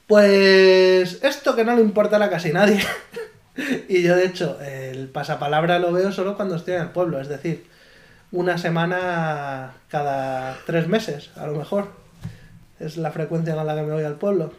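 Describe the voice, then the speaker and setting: On a podcast, the co-host with the higher voice of the pair chats casually at a normal pace. He laughs frequently and reads comments from listeners out loud.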